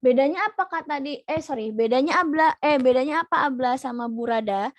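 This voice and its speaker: A young woman teaching an online language class, patiently repeating each point slowly. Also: sits high, dry recording.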